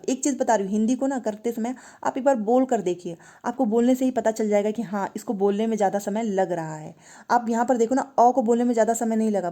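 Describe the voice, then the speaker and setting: A woman with a slightly high, mellow voice teaches an online grammar lesson for exam prep. She explains step by step, asks and answers her own questions, and has students repeat sounds aloud.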